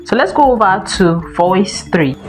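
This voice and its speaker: A woman hosting a software tutorial, explaining each step in a steady, instructive way. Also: medium pitch, a little slow. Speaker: tech tutorial host. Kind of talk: screen-recorded software tutorial.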